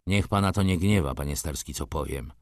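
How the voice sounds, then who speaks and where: A man voicing a grave, determined middle-aged merchant who speaks slowly in a hollow, muted voice, cold and formal. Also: extremely low pitch, dry recording, clean studio sound, pitched below the performer's own voice. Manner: slow, measured, coldly formal. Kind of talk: audiobook character reading.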